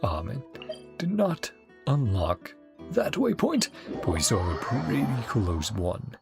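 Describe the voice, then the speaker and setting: A streamer reacting to a game gives casual commentary, muttering, singing syllables, and thinking aloud to himself as he plays, with game music behind him. His voice is medium-pitched and gravelly, slow, and marked by huge pitch swings.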